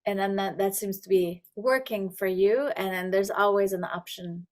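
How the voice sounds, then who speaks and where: A woman's voice: medium pitch, fairly even intonation, moderate pace, a little mellow. A woman hosting a podcast, interviewing in a casual, conversational style.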